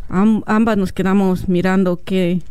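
Woman telling her story with a mellow voice. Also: medium pitch, unhurried, clear, resonant tone. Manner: animated storyteller, acts out dialogue. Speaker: guest. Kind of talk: telling a personal story in an interview.

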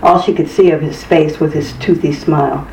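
A narrator reading a story aloud in a measured, even way. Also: mid-range voice, slight background noise. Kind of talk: scripted audiobook narration. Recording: distant, roomy, dull-sounding recording.

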